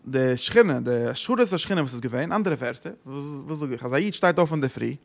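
A man's voice: mid-range voice, animated, fairly quick, gravelly. A man giving a religious lesson who asks rhetorical questions and repeats his phrases. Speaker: Torah teacher.

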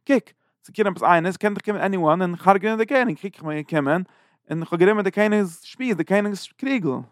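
A man giving an informal Bible lesson, retelling the story in loose, halting phrases. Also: high-pitched, animated, no echo, clean studio sound. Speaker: Bible teacher.

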